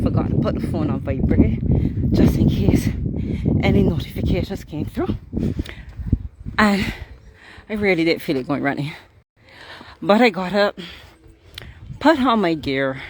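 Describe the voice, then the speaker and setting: A fitness vlogger, out of breath after a run, giving an upbeat, encouraging pep talk outdoors on a windy evening. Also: mid-range voice. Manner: upbeat, encouraging, slow and deliberate. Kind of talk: motivational vlog talk. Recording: loud wind and outdoor noise.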